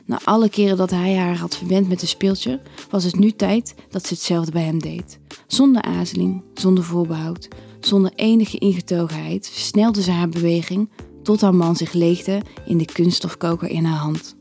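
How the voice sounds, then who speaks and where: Low, mellow woman narrating a story. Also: fairly even intonation, moderate pace, gravelly, faint music behind. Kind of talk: scripted erotic story narration.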